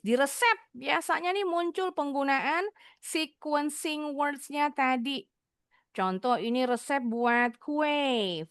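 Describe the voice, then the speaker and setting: A woman teaching young students, explaining with lively repetition and sounding out example sentences with exaggerated rise and fall. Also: high-pitched, clear, resonant tone, no room sound, clean studio sound. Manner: lively, repeats points for emphasis. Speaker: English teacher.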